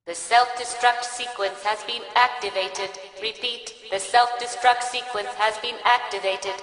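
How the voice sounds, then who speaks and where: A woman voicing a computer PA system that announces a self-destruct in a flat, mechanical, repeating voice, with a robotic public-address effect. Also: fairly high pitch, a little slow. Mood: urgent warning. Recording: echoey game clip under music.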